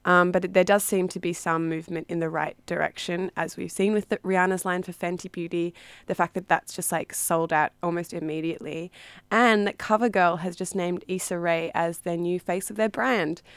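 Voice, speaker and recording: A woman's voice: lowish voice, fairly even intonation, brisk, clear, resonant tone, no room sound. An Australian woman co-hosting a radio show, chatting casually with a sardonic edge and plenty of ums and likes. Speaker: radio co-host. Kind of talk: casual chat.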